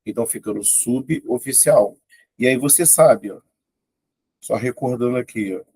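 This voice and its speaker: A man teaching an exam-prep grammar lesson. His voice is husky with a gravelly edge, and his speech is casual and exclaiming as he works through each item. The recording is close and dry. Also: medium pitch, fairly quick, a little mellow, no echo. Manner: informal, thinks aloud, exclaims at tricky items. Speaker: Portuguese teacher.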